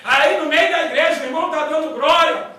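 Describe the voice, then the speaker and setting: A middle-aged man with a Brazilian accent, a pastor preaching a loud, fervent evangelical sermon full of folksy stories. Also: very high-pitched, brisk. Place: church hall. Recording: echoey church hall, mic far off.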